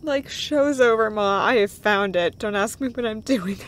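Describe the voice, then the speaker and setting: In this one-sided comfort roleplay, a woman plays an affectionate girlfriend with a mid-range voice. Her tender, emotional speech comes out in halting bits that frequently drop into a breathy whisper, with slight background noise in the recording.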